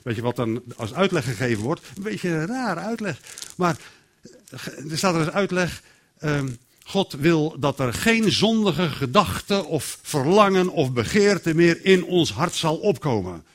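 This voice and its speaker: A man delivers a sermon with a fairly high-pitched voice. He talks in a lively, animated way and slips into acted-out voices for the quotes. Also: unhurried. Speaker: preacher.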